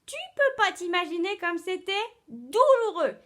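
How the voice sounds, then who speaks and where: A woman acts out a self-pitying aunt who relishes every gory detail of her illnesses. Her voice sits high and she rushes on breathlessly from one complaint to the next, with plenty of fillers. It is theatrical, stage-style acting. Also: lively intonation, a bit bright, slight background noise. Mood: dramatic. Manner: breathless, dramatic storytelling with many fillers. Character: chatty hypochondriac older aunt on a video call. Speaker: drama student.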